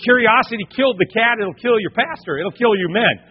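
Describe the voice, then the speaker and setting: A male pastor preaching a sermon in an animated way, rising to near shouts when he drives a point home. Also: high-pitched, brisk, slightly rough. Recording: dull lo-fi sound with long hall reverb.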